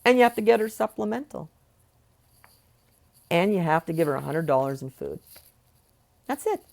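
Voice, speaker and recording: Gravelly, heated young man venting. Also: fairly high pitch, lively intonation, moderate pace. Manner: angry, swearing, goes off on tangents. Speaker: vlogger. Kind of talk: ranting personal vlog.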